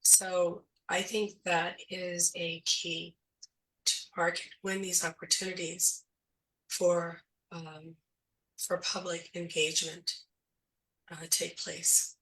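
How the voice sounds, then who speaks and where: Low, gravelly woman losing her voice. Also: little pitch movement, slow pace, long pauses, fairly bright tone, distant mic, low-quality recording. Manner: thoughtful, explanatory, many fillers. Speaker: school board candidate. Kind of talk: casual discussion.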